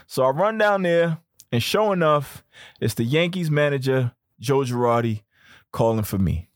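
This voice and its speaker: Animated slangy male podcast host. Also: mid-range voice, moderate pace, dry recording, clean studio sound. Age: young adult. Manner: animated, slangy, peppered with "man". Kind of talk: casual storytelling.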